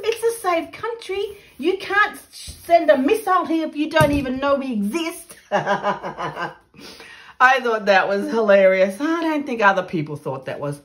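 An Australian mixed media artist with a slightly high voice chats casually while demonstrating a craft in her home art studio. She is chatty and laughs often, exclaiming over her work.

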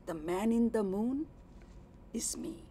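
A woman's voice: on the high side, takes it slowly, a little hiss or hum. Woman doing a boastful, jealous man in the moon. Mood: teasing. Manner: loud, excited, pleading. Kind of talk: poetry recitation.

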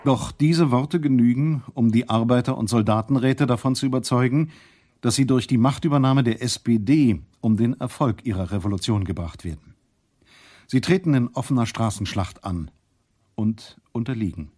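A man's voice: medium pitch, normal speed, a little mellow. A man reading scripted historical narration as a documentary narrator. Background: music.

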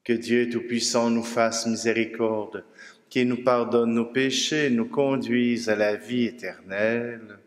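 A man with a Québécois French accent, a priest leading mass prayers in a slow, solemn, measured way. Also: mid-range voice, steady tone. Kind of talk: liturgical prayer. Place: church. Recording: echoey church with long reverb.

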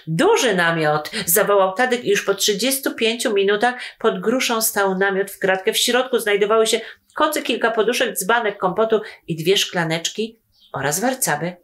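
A woman author reading her children's story aloud with slow, expressive storytelling. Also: medium pitch.

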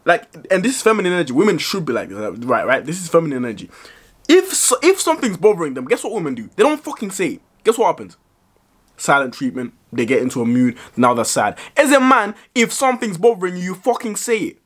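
A man's voice: high voice, wildly swooping pitch, fast talker. A young man talking straight to camera in an advice vlog, blunt and heavy on swearing, tagging his points with "right?". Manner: blunt, profane, emphatic, with frequent "right?" tags. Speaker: vlogger.

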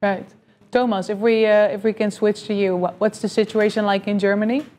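A woman moderating a panel discussion who briskly cuts in with questions. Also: medium pitch, little pitch movement, darkish tone.

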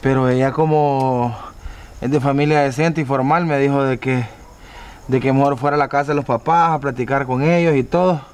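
A man's voice: mid-range voice, steady tone, normal speed, darkish tone, clear, resonant tone, natural voice. A man playing a nervous young Honduran boyfriend. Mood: flustered. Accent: Honduran Spanish. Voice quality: rambling, slangy storyteller.

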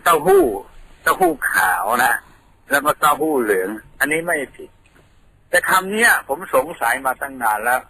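A man's voice: fairly high pitch, huge pitch swings, moderate pace, gravelly, pushed and bright, slight background noise, low-quality recording. A man from Thailand, a radio guest patiently explaining things in a studio, telling them like a story.

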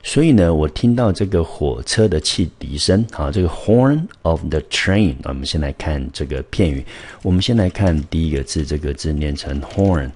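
Male teacher with a Taiwanese Mandarin accent, very low and husky, patient word-by-word explainer. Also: animated, a little mellow. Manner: patient, explains word by word, slows down on English words. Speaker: English teacher. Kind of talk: vocabulary lesson.

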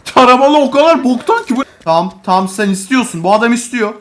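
A young man giving casual, foul-mouthed gaming commentary to a friend, excitable and full of exclamations. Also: very high-pitched, fast talker. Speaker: gamer recording a co-op video.

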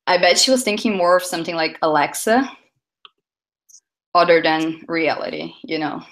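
A woman gives a live conference talk, speaking in a fairly low register. She talks in a chatty, loose way, filling gaps with um and uh and often backing up to fix a word. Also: normal speed, fairly bright tone. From Brazil. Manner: chatty, self-correcting, lots of fillers.

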